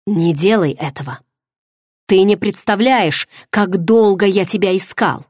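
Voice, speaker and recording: A man's voice: high-pitched, unhurried, no echo, studio quality. A woman reading the part of a self-assured noble man who speaks tensely and insistently, in an audiobook. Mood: pleading.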